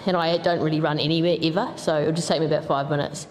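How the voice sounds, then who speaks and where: A woman's voice: low-pitched, steady tone, fast talker, darkish tone. A woman hosting an award ceremony on stage in a chatty, self-deprecating way. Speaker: ceremony host. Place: large event hall. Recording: hall reverb with faint background noise.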